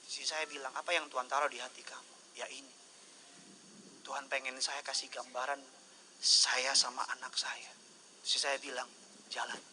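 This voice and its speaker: A middle-aged Indonesian pastor preaches a sermon, swinging between loud, high-pitched calls and hushed near-whispers while slipping in English phrases. His tone is level and his pace moderate with long pauses, on a low-quality recording with slight hiss or hum.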